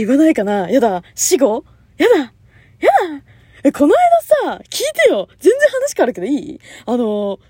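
A young woman hosting a casual solo talk show, chatty and animated, with lots of fillers and frequent laughs. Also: on the high side, husky, no echo. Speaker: podcast host.

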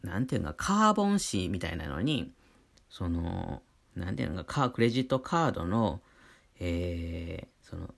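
A man's voice: low voice, big pitch swings, moderate pace, vocal fry. A man with a Kansai accent talking casually on his own show, rambling along with many fillers. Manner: chatty, rambling, full of fillers. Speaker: artist hosting his own talk channel. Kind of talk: casual solo monologue.

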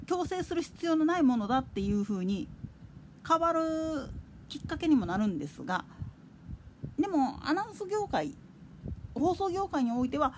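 Lively high-voiced woman chatting. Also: a little hiss or hum. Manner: chatty, digressive, with soft laughs. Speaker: podcast host. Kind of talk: casual solo chat radio.

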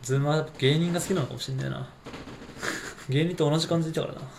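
A man's voice: a little high, fairly even intonation, racing, gravelly, darkish tone, a little hiss or hum. A young man in casual chat, an easygoing listener who keeps replying with short agreement sounds. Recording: roomy echo.

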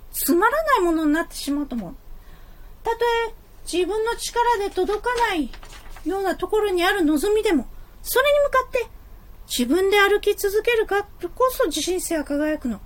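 Brazen, flighty office lady played by a woman: extremely high voice, blunt teasing, theatrical stage-comedy delivery. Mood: grandly earnest. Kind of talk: comic stage play acting.

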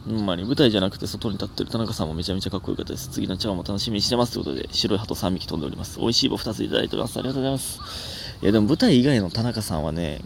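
A young man with a Kansai accent, hosting a casual solo comedy podcast, rambling and self-mocking with sudden animated outbursts. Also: on the low side, very fast, creaky, a little hiss or hum.

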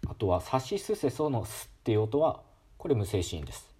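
A man giving a calm, casual educational talk on pronunciation, demonstrating sounds aloud with frequent fillers. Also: mid-range voice, brisk, breathy edge. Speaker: solo talk host explaining linguistics.

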